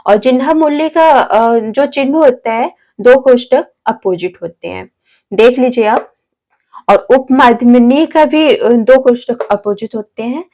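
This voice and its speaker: A woman teaches grammar to her video viewers in a high voice. She goes slowly and carefully, reading letters out one at a time. She asks questions and then answers them herself. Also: mellow.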